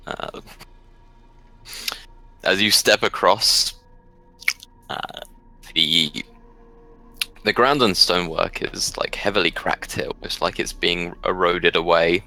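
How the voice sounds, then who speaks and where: A man narrating a tabletop role-playing game as game master, describing scenes in a halting, measured way. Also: deep voice, vocal fry, pushed and bright, rough recording.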